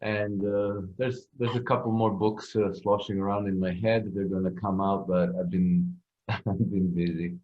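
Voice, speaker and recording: Halting Croatian-born man on tinny line. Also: sits low, steady tone. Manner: hesitant, halting with repeated starts. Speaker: guest. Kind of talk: casual round-table chat. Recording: tinny phone-like call audio.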